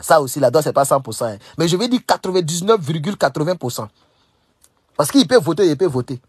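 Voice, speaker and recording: Emphatic high-voiced man. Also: husky, no room sound, studio quality. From Burkina Faso. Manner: emphatic, repeats phrases, scolding asides. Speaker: political commentator. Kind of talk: casual direct-to-camera monologue.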